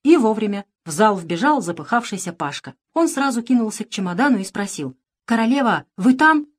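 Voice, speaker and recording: Woman narrator, children's audiobook, lively expressive delivery. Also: medium pitch, a little fast.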